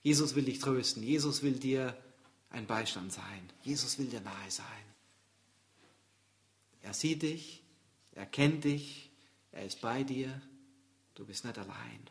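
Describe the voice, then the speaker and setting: A pastor giving a sermon, reading scripture with emphasis and then turning to quiet, personal appeals to the congregation. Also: male voice, mid-range voice, slow, pauses often.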